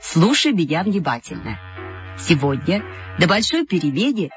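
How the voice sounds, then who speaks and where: A woman's voice: fairly low pitch, very animated, normal speed, muffled recording, faint music behind, pitched below the performer's own voice. Woman doing a pompous nasal schoolboy reporter. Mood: self-important. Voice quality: nasal, self-important.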